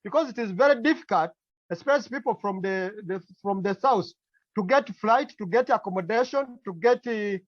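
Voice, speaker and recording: A man with a Ugandan accent speaking as a climate activist at a meeting, halting and earnest, often repeating phrases. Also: high voice, lively intonation, no echo. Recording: dull lo-fi call audio.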